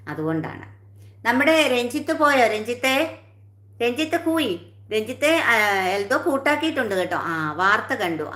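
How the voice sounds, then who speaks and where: A woman's voice: lowish voice, a bit bright, echoey room. A woman hosting a casual live stream, chatting with viewers and greeting each one by name.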